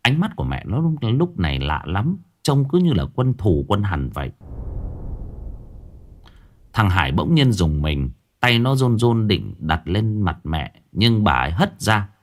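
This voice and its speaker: A man narrating a horror story in a dramatic, expressive storytelling manner. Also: fairly low pitch, unhurried.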